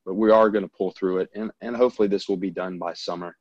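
A man's voice: sits low, steady tone, quick pace, a little mellow, no room sound, dull audio. A man from Louisiana, an airline pilot talking in an easygoing, upbeat interview chat. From Louisiana, US South.

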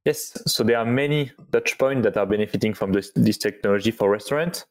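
Low-voiced man explaining haltingly. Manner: halting, searching for words, non-native phrasing. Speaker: podcast guest, company product executive. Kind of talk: explanatory interview answers.

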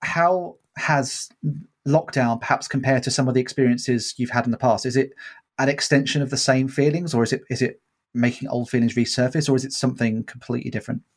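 A man hosting a podcast, leading the talk in a relaxed, conversational way. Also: mid-range voice, brisk. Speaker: podcast host. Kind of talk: casual interview chat.

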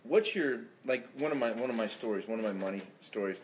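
A man chats in a casual conversation, speaking quickly and with energy. He restarts his sentences often as he tells stories. A faint ambient hum sits behind his voice. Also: medium pitch, poor audio. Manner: fast, energetic, many restarts.

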